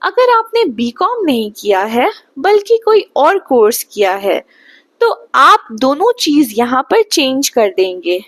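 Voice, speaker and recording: A young woman from Bihar teaching spoken English slowly and patiently, often checking whether the listener has understood. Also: high-pitched, big pitch swings, a bit bright, no room sound. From Bihar, India. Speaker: English tutor.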